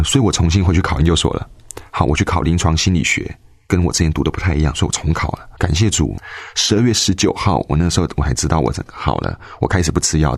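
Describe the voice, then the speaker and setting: Young man, very low voice, dry sound, emotional faith testimony. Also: darkish tone, dry recording. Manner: earnest, emotional storytelling.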